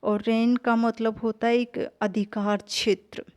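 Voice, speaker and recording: A woman teacher explaining a poem at an unhurried pace. Her voice sits a little high, and she stops often with fillers as she mixes English terms into her explanation. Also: little pitch movement, darkish tone, smooth. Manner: slow, hesitant explaining with fillers, mixing English terms into Hindi.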